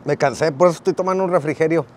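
A man from Mexico, joking and excitable as he hosts his motorcycle vlog. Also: fairly high pitch, very fast, slight background noise. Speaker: motorcycle vlogger. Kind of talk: casual vlog commentary.

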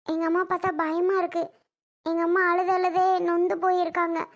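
A woman playing a young daughter who defends her mother with sharp, pleading insistence in a family drama skit. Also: very high voice, level tone, brisk. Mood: angry, pleading.

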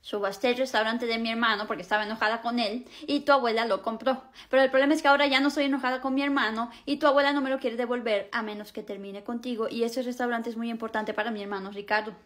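A woman's voice: on the high side, steady tone, fast, hardly any pauses, a bit bright, lightly acted. A woman playing a resigned, apologetic young girlfriend in a comedy skit. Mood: regretful. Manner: apologetic, earnest.

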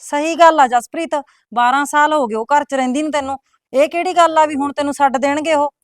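Brisk matchmaker woman, acted by a woman, high and quick, reassuring, dry sound. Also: steady tone, dry recording, lightly acted. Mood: indignant. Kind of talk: rural family drama acting.

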